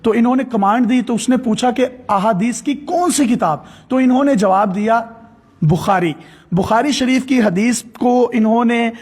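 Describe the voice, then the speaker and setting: A man's voice: extremely high pitch, a little mellow, slightly rough. A man hosting an interview, explaining an app step by step in devout phrasing. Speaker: host.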